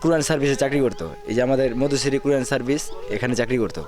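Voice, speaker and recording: A man's voice: medium pitch, rapid-fire, darkish tone. A man with a rural Bangladeshi accent, giving an informal, repetitive interview answer. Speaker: interviewee, local villager. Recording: music behind the voice.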